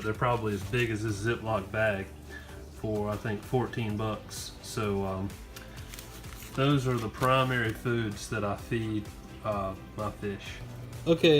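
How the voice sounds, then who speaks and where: A man with a medium-pitched voice narrates a casual home demonstration. He explains each step informally and easily, without a script, as if showing friends around. Faint music plays behind him. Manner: informal, easygoing explaining to viewers. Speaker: home aquarium hobbyist filming a fish-care vlog. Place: at home beside a fish tank and kitchen sink.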